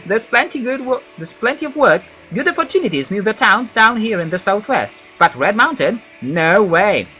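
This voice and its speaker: A man's voice: sits high, big pitch swings, normal speed, sharp tone, highs cut off, voice pushed up, heavily acted. A man voicing a chatty, nervous wood elf commoner from a video game in a perky, gossipy christmas elf manner. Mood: warning, gossipy. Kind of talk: video game character read aloud.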